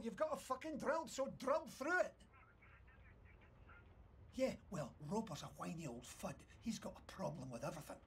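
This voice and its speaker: An actor playing a bullying older Scottish oil rig boss in a video game, sneering, menacing and explosive. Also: male voice, very high-pitched, a bit bright, breathy edge, exaggerated voice.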